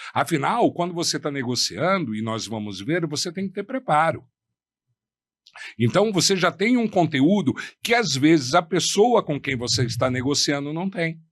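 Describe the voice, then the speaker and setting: Lively male professor lecturing. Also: a little high, dry recording. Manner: didactic, asks the audience rhetorical questions; uses his hands a lot while talking. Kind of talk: lecture on negotiation.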